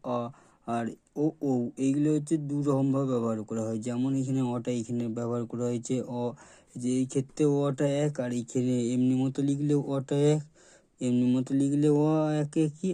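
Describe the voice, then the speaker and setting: A man with a Bengali accent walks learners through letters one by one, repeating each sound plainly. His voice is very dark and mellow. The recording is dry and close. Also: medium pitch, no echo. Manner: plain, repetitive, stops to point at letters. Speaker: teacher. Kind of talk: explaining letters at a board.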